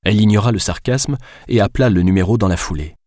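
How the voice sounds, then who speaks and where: A male audiobook narrator with a low voice, reading in a steady, measured way. The recording is close and dry, with no room echo. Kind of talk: scripted narration.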